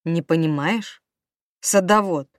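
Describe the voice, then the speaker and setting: A woman voicing an abusive young husband who shouts with contempt, in a dry audiobook reading. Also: on the low side, normal speed, dry recording, lightly acted. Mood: furious.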